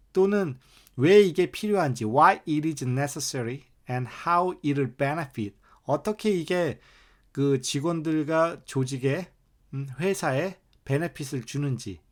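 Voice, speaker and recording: Male English teacher, measured delivery, slows right down on example sentences. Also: mid-range voice. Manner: explains in Korean, reads English examples slowly and deliberately. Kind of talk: online English lesson.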